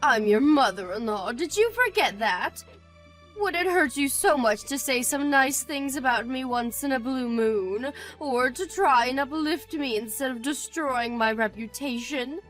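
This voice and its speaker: A haughty older mother-in-law, played by a woman in an audio drama, with a high voice that swings widely. She scolds cruelly, sounding hurt and angry and full of self-pity. Music plays softly behind her. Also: lively intonation, unhurried, rough recording. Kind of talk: scripted audio drama acting.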